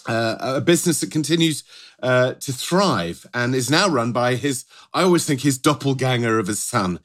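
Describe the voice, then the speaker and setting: A man's voice: mid-range voice, expressive, moderate pace, a bit bright. A middle-aged British man co-hosting a podcast in a conversational style, often rephrasing as he goes. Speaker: podcast co-host.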